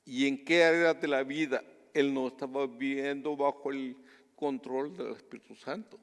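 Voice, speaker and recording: A man from Guatemala preaching a sermon as pastor, earnest and measured, dropping to a hush for personal stories. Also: medium pitch, fairly even intonation, in a large hall.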